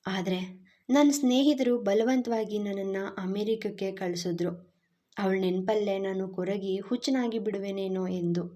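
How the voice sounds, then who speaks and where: A woman voicing a grieving widowed father in a spoken storybook, with a soft, trembling, subdued voice. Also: mid-range voice, moderate pace, natural voice. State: voice trembling with grief.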